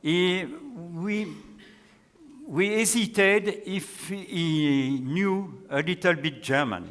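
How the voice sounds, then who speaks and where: Male academic lecturer, French accent, fairly high voice, unhurried halting delivery. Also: a bit bright. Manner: deliberate, halting phrasing. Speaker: academic presenting a paper. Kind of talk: scholarly lecture and question answering. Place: large hall with an audience. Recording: echoey hall with long reverb.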